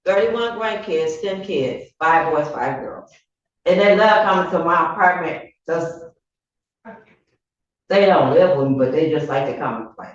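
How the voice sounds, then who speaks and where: A woman's voice: low-pitched, a little slow. An older woman who sounds drunk, pleading her case as a tenant in a casual, rambling, joking way. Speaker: tenant appearing in court. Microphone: far from the microphone. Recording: very echoey, distant, dull room audio.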